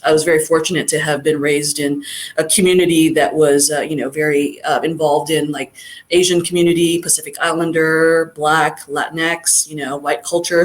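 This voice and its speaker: A middle-aged guest from Southern California, talking in a casual interview in a thoughtful, rambling way with many fillers. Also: female voice, low voice. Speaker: guest chiropractor.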